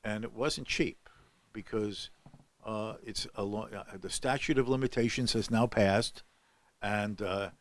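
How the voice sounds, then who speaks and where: An older man, a guest scholar on a podcast, spins a long story full of fillers and restarts. His voice sits lowish and he speaks unhurriedly.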